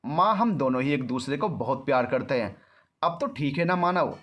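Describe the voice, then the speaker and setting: A man's voice: medium pitch, expressive, moderate pace, fairly bright tone, close to an everyday voice. A man voicing an anxious young woman in a storybook reading, apologetic and pleading. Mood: placating. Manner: placating, apologetic. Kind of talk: storybook narration.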